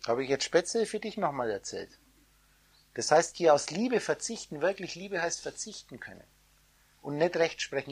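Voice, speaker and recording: A woman giving an esoteric sermon, preaching in the first person as God, her loudness swinging between soft and loud. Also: low voice, slightly rough. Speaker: spiritual teacher.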